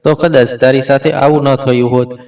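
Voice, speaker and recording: A man's voice: medium pitch, steady tone, normal speed, a little mellow, recorded from a distance, natural voice. A man voicing a scornful older mother-in-law who talks in a sneering, belittling way.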